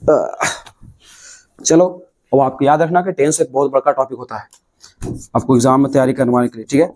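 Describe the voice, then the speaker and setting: A man's voice: medium pitch, steady tone, fairly quick, a little mellow. A young man with a Bihari Hindi accent teaching a classroom grammar lesson, explaining step by step and answering his own questions.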